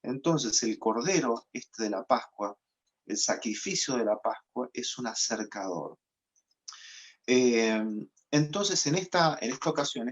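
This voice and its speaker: A pastor giving a sermon in a patient, explanatory teaching tone, with frequent fillers as he explains. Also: mid-range voice.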